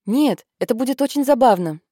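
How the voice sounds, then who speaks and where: Woman reading a bossy teen girl, brisk and sure of herself, dry close sound. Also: medium pitch, dark tone, dry recording, close to an everyday voice. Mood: decisive. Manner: brisk, decisive. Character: teenage girl Harriet, bossy aspiring playwright.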